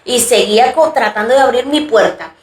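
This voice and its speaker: A woman's voice: on the high side, brisk, crowd noise. A woman co-hosting a podcast, telling a long personal story in a chatty, rambling way and voicing the people in it. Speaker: podcast co-host. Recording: roomy echo.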